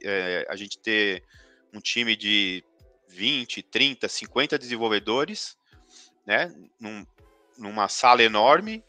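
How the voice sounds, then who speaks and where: A man's voice: mid-range voice, pushed and bright, no echo. A man speaking as a guest in a live interview, thoughtful and full of hesitations. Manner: thoughtful, many hesitations and restarts. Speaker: guest expert.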